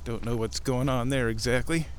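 Guy chatting while he walks around outside, rambly observations, middle pitched voice, breezy outdoor noise behind him. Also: steady tone, moderate pace. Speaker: podcast host and chairman. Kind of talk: casual outdoor walking narration. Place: outdoors on a walk by ponds. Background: light wind and outdoor ambience.

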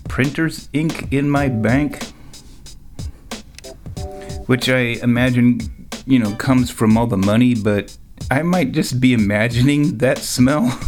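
Male show host, average pitch. Loose, musing monologue with wry asides, faint music behind. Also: a little mellow. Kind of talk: casual rambling monologue.

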